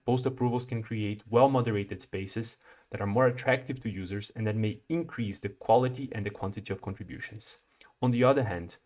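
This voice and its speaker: Speaking on the low side with a slightly mellow quality, a young man from Brazil delivers his PhD research talk. The presentation is prepared and explanatory, paced with care, though he occasionally starts a sentence over.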